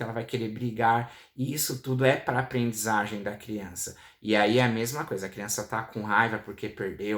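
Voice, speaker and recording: A man's voice: lowish voice, fairly bright tone. A man giving advice to parents in a direct, repetitive way, often checking in with his listeners. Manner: direct, repeats points, checks in with "tá?". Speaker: parenting educator. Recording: echoey room.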